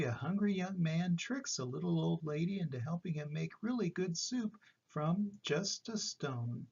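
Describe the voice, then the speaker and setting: An older man with a grandpa voice gives an expressive, animated read-aloud of a children's picture book on a slightly dull recording. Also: fairly high pitch, husky. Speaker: storyteller reading a picture book.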